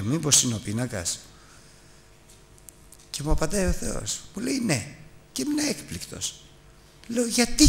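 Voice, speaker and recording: Lively, bright-voiced male preacher. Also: fairly high pitch, a little hiss or hum. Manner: storytelling, then urgent exhortation to the congregation. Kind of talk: Bible teaching sermon.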